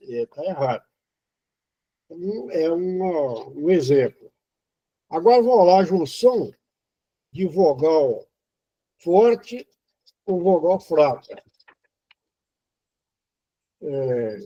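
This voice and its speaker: A man from Brazil giving an informal spoken lesson on poetry, halting and explanatory, with many fillers and restarts. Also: high voice, mellow, breathy edge. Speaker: poetry teacher. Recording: dull lo-fi recording.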